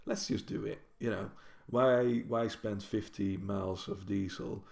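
Recorded in his echoey home kitchen on a built-in camera mic at desk distance, this Dutch-speaking librarian from the Netherlands vlogs casually to camera. He meanders, self-corrects and restarts a lot, his low voice fairly even, a little slow and mellow, with vocal fry.

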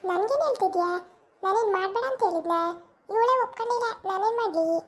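A woman's voice: very high-pitched, fast talker. A woman playing a harsh, nagging middle-aged village aunt in a family skit, speaking with scorn. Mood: scornful.

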